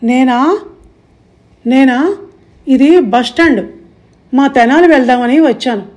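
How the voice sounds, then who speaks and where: A woman's voice: high-pitched, expressive, takes it slowly, a little mellow, pitched above the performer's own voice. A woman voicing a confused, forgetful old man in his late seventies who talks in a vague, rambling way.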